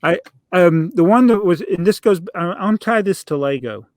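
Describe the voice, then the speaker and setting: A man's voice: high-pitched, animated, moderate pace, dry recording. A middle-aged man hosting a podcast, telling rambling stories in a casual chat and laughing often. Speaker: podcast host.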